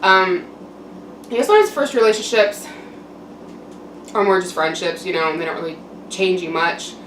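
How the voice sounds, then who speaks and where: A young adult woman giving a casual, candid personal monologue to camera in a reflective, halting way with frequent pauses. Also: fairly low pitch, a bit bright. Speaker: mukbang vlogger. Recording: roomy echo, distant mic, background noise.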